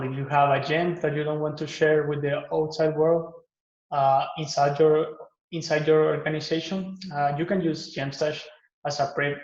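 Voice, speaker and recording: Giving a relaxed conference pitch for his open source project, a Guatemalan maintainer with a slightly high voice fills pauses with "uh" and "um" and frequently corrects himself mid-sentence. The sound is a muffled, echoey lo-fi room take.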